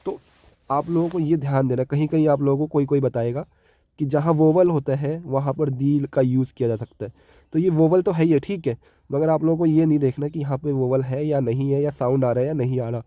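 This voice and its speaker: In an English grammar lesson, a man with a Hindi accent explains each step, repeats key words, and frequently checks in using "ठीक है". He speaks a little fast in a slightly high voice with fairly even intonation, captured as a dry, phone-quality recording.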